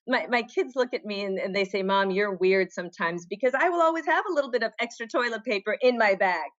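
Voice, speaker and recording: A woman's voice: medium pitch, fairly bright tone, muffled recording. A middle-aged woman from Argentina, a fitness competitor guesting on a podcast, chatting casually and telling stories with restarts and trailing asides. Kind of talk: casual interview chat.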